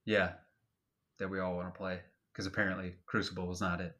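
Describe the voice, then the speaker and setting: A man's voice: deep voice, flat delivery, brisk, fairly bright tone. A man co-hosting a casual gaming podcast, laid-back and loose, swearing casually and using lots of fillers. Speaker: podcast co-host. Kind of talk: casual chat.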